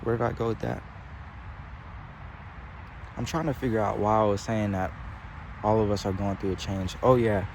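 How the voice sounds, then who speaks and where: A man's voice: lowish voice, fairly even intonation, normal speed, pauses often. A young man giving a rambling, slangy spiritual pep talk to his viewers, swearing constantly and calling them bro and gang. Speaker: spiritual channeler vlogger. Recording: faint outdoor traffic noise.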